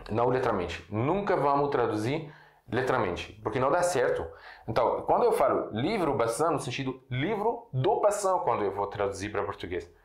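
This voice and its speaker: A Syrian man whose native language is Arabic teaches a relaxed video lesson at a board, going slowly, repeating examples, and checking in often with his learners. His medium-pitched voice has a sing-song lilt, and the room sounds echoey.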